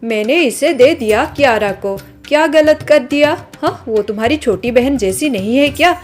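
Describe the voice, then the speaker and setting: A woman voicing a kind middle-aged mother who gently chides her daughter, in a storybook drama. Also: sits high, moderate pace, soft background music. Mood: gently chiding. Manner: soothing, mildly chiding.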